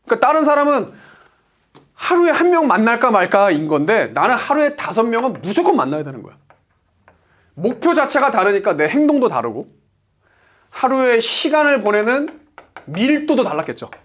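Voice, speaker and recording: This motivational business lecture comes from a coach in his forties who speaks emphatically and answers the rhetorical questions he asks. His very high voice is sing-song and fairly bright, moving at a moderate pace with frequent pauses.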